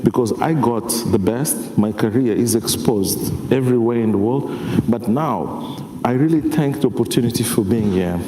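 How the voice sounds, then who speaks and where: A Mozambican jazz musician in his forties, a native Portuguese speaker, talks passionately in English during a panel discussion on a large conference hall stage, often checking that his listeners follow. His mid-range, dark-toned voice moves at a moderate pace with hardly any pauses. The hall is echoey with faint ambience.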